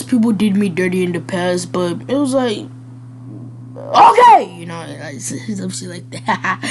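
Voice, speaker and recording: A woman's voice: fairly low pitch, background noise. A woman hosting a reaction video in casual, blunt and crude commentary, rambling with lots of fillers.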